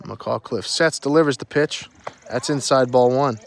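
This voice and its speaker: A man announcing a baseball game live, giving short, clipped updates on pitches and the count. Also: a little slow, vocal fry, slight background noise.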